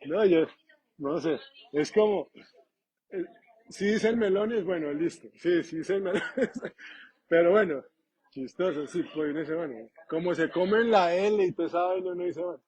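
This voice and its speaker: A man preaching a sermon in an animated, conversational way with humor. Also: sits high, normal speed, long pauses, slightly rough. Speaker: pastor.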